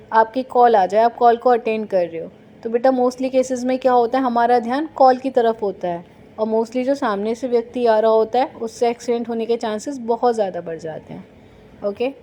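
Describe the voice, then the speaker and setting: Mellow-voiced woman teaching a class. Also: fairly high pitch. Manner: explains slowly, asks and answers her own quiz questions. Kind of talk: classroom lesson.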